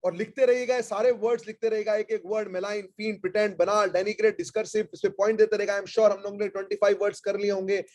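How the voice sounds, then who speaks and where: A man with an Indian English accent teaching vocabulary in a live online class, mixing Hindi and English and repeating key words slowly so they can be noted down. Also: sits high, little pitch movement, a little mellow.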